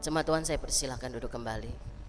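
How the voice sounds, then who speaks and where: A woman pastor leads a church service with prayer and sermon, chatting easily with the congregation and tagging her lines with "ya" and "gitu kan." Her bass voice is nasal and congested from a cold, and she talks at a quick pace with loud music behind her. The sanctuary gives a long church hall reverb.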